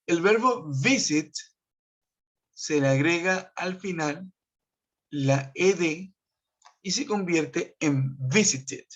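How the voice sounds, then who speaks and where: Slow, patient male teacher. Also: fairly high pitch, a bit bright. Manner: patient, explains step by step, checks in with "¿sí?". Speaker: English teacher. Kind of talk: online grammar lesson. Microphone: web conference computer mic. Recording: dull lo-fi web call audio.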